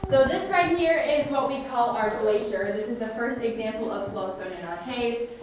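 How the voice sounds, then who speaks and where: A woman's voice: on the high side, moderate pace. A woman working as a cave guide, giving a casual, explanatory tour talk to a group inside a cave. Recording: very echoey cave, distant mic, faint noise.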